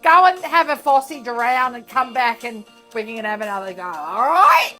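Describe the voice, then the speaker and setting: A brash, foul-mouthed check-in agent, played by a woman in a comedy clip. Her voice sits high and she mocks the traveller bluntly. Faint music plays under the clip. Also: lively intonation, moderate pace, pushed and bright. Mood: brash, mocking. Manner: blunt, mocking, swears casually.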